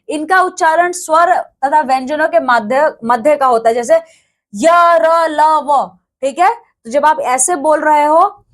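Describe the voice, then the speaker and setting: A woman teaching a grammar lesson. She explains step by step, talks straight to her students, keeps checking with "okay", and drills sounds one at a time. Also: high voice.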